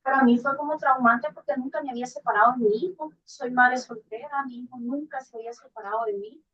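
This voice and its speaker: A Guatemalan woman in a class gives a personal testimony over a phone video call, and the recording sounds muffled. Her somewhat high voice is fairly bright and husky, and she speaks haltingly, sinking almost to a murmur when she is moved.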